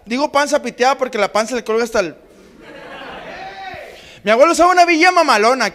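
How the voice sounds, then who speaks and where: A man's voice: very high-pitched, a bit bright. A young man with a Monterrey accent doing stand-up comedy, telling a crude, slangy story on a comedy club stage. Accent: northern Mexican, Monterrey. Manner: rowdy, slangy, crude punchlines.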